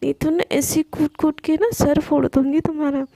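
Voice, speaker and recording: A woman's voice: sits high, little pitch movement, normal speed, creaky, dark tone, no room sound, studio quality. A woman voicing a strict but caring young woman who scolds her friend, told as a spoken love story. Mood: scolding. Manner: scolding, stern.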